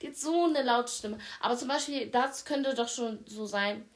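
A woman's voice: a little high, normal speed. A young woman hosting a casual podcast chat, talking straight to her listeners and often breaking off to restart her sentences. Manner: chatty, addresses listeners as "Leute", trails off and restarts. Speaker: podcast host.

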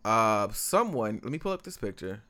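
A man with a fairly low voice talks through a casual podcast conversation. He rambles and loops back with frequent fillers and restarts. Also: big pitch swings, normal speed, bright, forceful tone. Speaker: podcast co-host.

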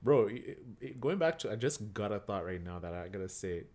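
A man of Kenyan heritage co-hosts a podcast, talking casually and animatedly in a fairly low voice at a slightly fast pace. He repeats himself and uses "like" a lot.

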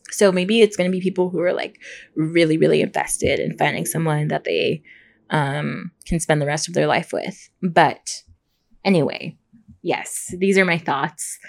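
Woman, lower-pitched voice, R's softened toward W, casual podcast host, rambling chatty informal delivery. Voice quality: soft R's, pronounced close to W. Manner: rambling, gushing informal talk with frequent "like" and "super". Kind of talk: casual chatty reality TV recap.

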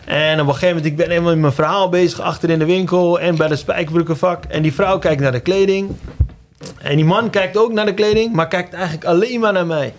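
Chatty shopkeeper telling a story. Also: male voice, sits high, fast talker. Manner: lively anecdote telling with many fillers. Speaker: menswear shop owner, podcast guest. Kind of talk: casual storytelling chat.

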